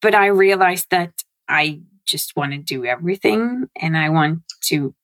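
A woman, a guest chatting in an animated way and laughing often. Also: fairly low pitch, unhurried, no echo. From Norway. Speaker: guest, CRM consultant. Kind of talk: casual interview chat. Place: home.

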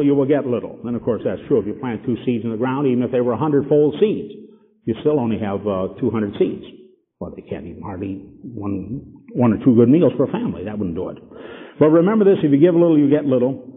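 A man preaching a sermon with dramatic shifts between loud emphasis and quiet asides. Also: mid-range voice. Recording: tinny lo-fi recording in a reverberant hall.

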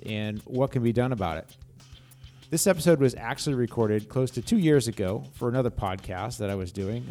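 A man with a New England accent hosting a travel podcast, introducing a guest and then asking questions with a few filler pauses. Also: mid-range voice, dark tone. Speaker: podcast host.

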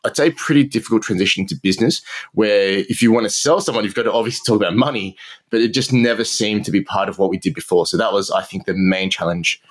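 Speaking quickly in a fairly low voice, an Australian man in his thirties recounts his story as a podcast guest. The marketing entrepreneur is candid and self-deprecating, laughing often through the casual interview.

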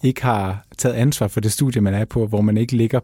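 A man's voice: lowish voice, fairly even intonation, warm tone, slightly rough, dry recording, clean studio sound. A man co-hosting a podcast, asking a thoughtful question. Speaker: podcast host. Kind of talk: podcast interview.

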